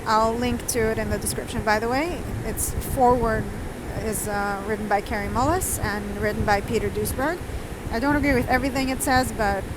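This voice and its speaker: A woman's voice: fairly high pitch, fairly even intonation, brisk, few pauses. A woman of around forty from Israel talks casually in a rambling, digressive vlog, recorded outdoors with wind on the mic. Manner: digressive, losing and regaining her train of thought. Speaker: vlogger.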